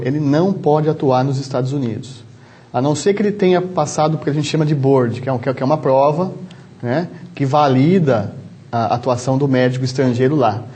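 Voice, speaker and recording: A man with a São Paulo interior Brazilian accent, a doctor answering interview questions in a measured, explanatory way with frequent restarts. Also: medium pitch, warm tone. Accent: São Paulo interior Brazilian Portuguese. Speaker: travel medicine doctor, guest.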